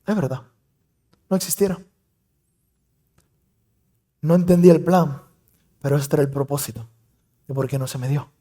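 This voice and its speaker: A young man preaching a sermon as pastor, emphatic with dramatic swings between loud and soft. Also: fairly high pitch, normal speed, long pauses.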